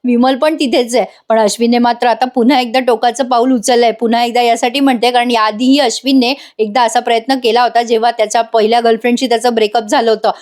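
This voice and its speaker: A woman's voice: a little high, level tone, quick pace, few pauses, darkish tone. A woman chattily recapping a television serial episode in a voice-over, speaking straight to her viewers. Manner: chatty, addresses viewers directly. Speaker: tv serial reviewer.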